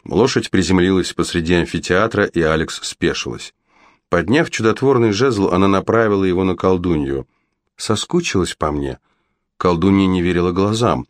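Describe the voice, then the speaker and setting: A man reads a story aloud in a very low voice, with steady, even pacing. The recording is dry and close, with no room sound. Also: a little fast, no echo. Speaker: audiobook narrator. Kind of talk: scripted narration.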